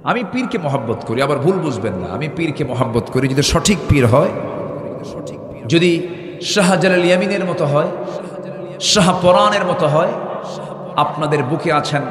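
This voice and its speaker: A man preaching a Bengali waz sermon to a large gathering, pushing the crowd to call back louder and building repeated phrases up into shouts. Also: on the high side, expressive, moderate pace, pauses often. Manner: fiery call-and-response, pressing the crowd to answer louder. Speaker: Islamic preacher. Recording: echoey hall with long reverb.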